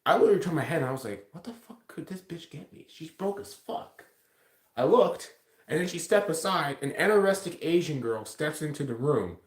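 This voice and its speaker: Responding to comments on his livestream, this man from Ontario, Canada rambles casually and swears heavily. His voice is fairly high-pitched and brisk with lively intonation, and the recording has an echoey room sound.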